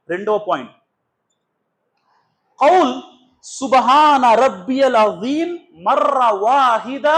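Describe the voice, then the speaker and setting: A man's voice: sits high, a bit bright. A man with a Telugu accent teaching a religious workshop, asking the audience questions and then answering them himself. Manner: switches between Telugu and Hindi. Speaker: Islamic teacher.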